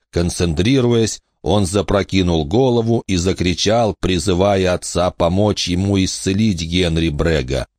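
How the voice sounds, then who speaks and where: A man narrating an audiobook in a steady, measured reading. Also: sits low, no echo, studio quality.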